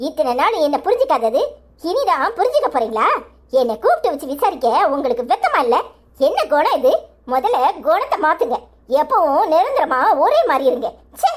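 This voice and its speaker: Someone doing a sharp-tongued indignant young wife. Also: high-pitched. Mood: scolding. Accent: Tirunelveli Tamil. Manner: scolding, indignant. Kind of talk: cartoon comedy voice acting.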